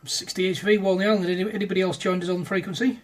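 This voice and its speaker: Sitting at a desk in his front room, a ham radio operator records a demo video, his high-pitched voice racing along in a flat delivery against a noisy background. His chat is casual and matey, full of call signs and radio jargon.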